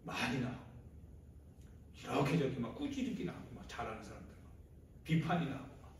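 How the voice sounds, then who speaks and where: A male pastor preaching a sermon, moving from quiet storytelling to loud, impassioned outbursts. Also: medium pitch, sing-song, brisk, slight background noise. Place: church sanctuary. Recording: very echoey church hall, from far off.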